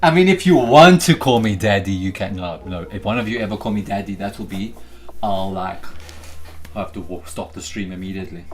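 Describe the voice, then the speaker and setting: A brisk, excitable South African man hosts a day-trading livestream, chatting casually with viewers. He hypes up himself and the chat, then slips into low, joking asides.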